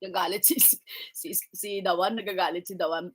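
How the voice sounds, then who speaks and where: A woman hosts a casual livestream, greeting her viewers, teasing and bantering with them and slipping in English phrases. Her husky voice is on the low side, fairly even in intonation and fairly quick.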